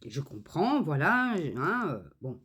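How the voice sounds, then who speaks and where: A woman chats casually while she crafts, telling a story in a loose, animated way. She fills it with hesitations and acts out both sides of the exchange. Her pitch moves around a great deal. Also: measured pace, breathy edge. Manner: animated storytelling, many fillers and reported speech. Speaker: crafts channel host.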